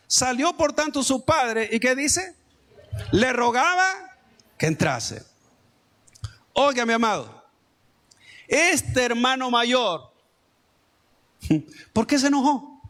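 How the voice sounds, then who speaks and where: A man's voice: extremely high pitch, fairly bright tone. A man pastor with a Salvadoran accent preaching a Sunday sermon in church, emphatic and full of rhetorical questions to his congregation. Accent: Salvadoran Spanish.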